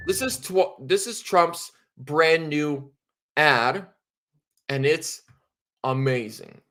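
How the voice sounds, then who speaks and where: A man giving casual political commentary in an animated, emphatic way, often repeating himself. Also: on the high side, slow pace.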